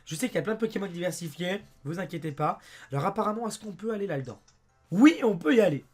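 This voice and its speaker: A young French man with a hoarse voice, chatting excitedly as he plays a game and talks to his viewers. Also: high-pitched, fast, faint music behind. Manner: chatty and excitable, often says "mes amis" and "abusé". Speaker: let's play host. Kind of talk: casual gameplay commentary.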